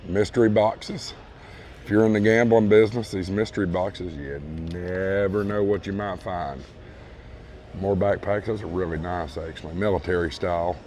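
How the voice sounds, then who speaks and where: A hoarse man losing his voice, casually walking viewers through a large store and calling them folks. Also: low-pitched, steady tone, normal speed, darkish tone, slight background noise. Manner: easygoing, repeats praise, addresses viewers as folks. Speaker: vlog host touring a store. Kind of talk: casual walkthrough narration. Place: large retail store indoors. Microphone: handheld phone camera.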